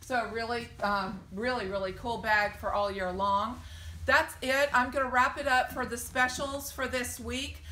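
A woman's voice: on the high side, fairly even intonation, a little slow, pushed and bright. A woman in her forties, a boutique owner, chatting upbeat through a sale walkthrough in a store, with frequent ums and gushing praise. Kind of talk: casual sales walkthrough video. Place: shop doorway outdoors, then inside a store. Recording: roomy sound with faint background noise.

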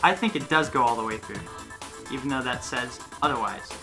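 A man's voice: medium pitch, fairly quick. A young man co-hosting a video, arguing his points in a casual, playful debate. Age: young adult. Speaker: video co-host. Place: small living room, indoors on a sofa. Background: music.

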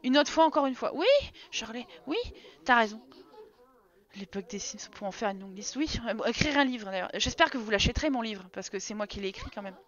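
A woman streamer rattles through casual live commentary, scolding her game characters and thanking viewers in chat. Her voice is bright and forceful and sits a little high. The stream audio is slightly dull, with faint game music underneath. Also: fast. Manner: chatty, exasperated, talks to game characters and chat.

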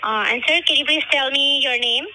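A woman's voice: sits high, fairly quick, pushed and bright. A woman working as a call center agent who keeps patiently repeating set phrases. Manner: repeats "all right", patient, formulaic. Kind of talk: scripted customer service call. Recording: phone line with background noise.

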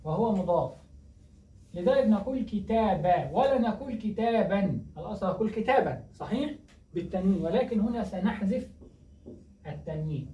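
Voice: medium pitch, expressive, fairly quick, pauses often, warm tone. A teacher giving a grammar lesson who keeps asking questions and answering them, repeating key words. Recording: echoey distant dull recording, faint noise.

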